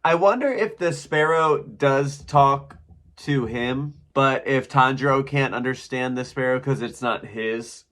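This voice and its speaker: A chatty man comments on an episode as he watches, excitable and quick to laugh. He talks in a loose, casual way, at a mid pitch for a man. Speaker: reaction video host.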